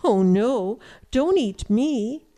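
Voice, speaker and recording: A woman's voice: medium pitch, very animated, slow, dark tone. A woman voicing the middle billy goat, a young male goat pleading with the troll in a storybook reading.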